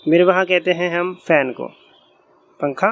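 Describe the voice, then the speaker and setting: A man teaching a grammar lesson, explaining patiently and repeating each point slowly as he writes on a board. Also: high voice, lo-fi sound. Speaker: Arabic teacher.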